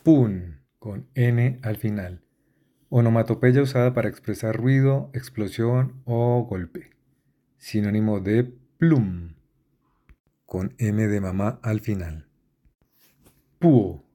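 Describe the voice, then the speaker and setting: A man reading dictionary entries aloud in a measured way, spelling out how each word ends. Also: fairly low pitch, mellow.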